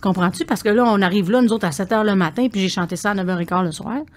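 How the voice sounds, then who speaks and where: A woman in her sixties with a Québécois French accent tells her stories with animation and frequent laughter. Her voice sits at a middle pitch, and she keeps tagging her phrases with a little filler as she chats. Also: quick pace. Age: 60s. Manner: animated storyteller, laughs often, tags phrases with "là". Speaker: podcast guest, singer. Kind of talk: casual conversation.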